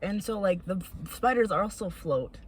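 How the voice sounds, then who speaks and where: A woman's voice: medium pitch, expressive, normal speed, slight background noise, poor audio. A young woman co-hosting a podcast, casually and bluntly retelling things she saw online. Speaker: podcast co-host. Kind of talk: casual chat.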